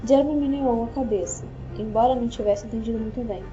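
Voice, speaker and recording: A woman narrating a novel in a steady, even reading as an audiobook. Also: fairly high pitch, fast. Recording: dull lo-fi with faint music.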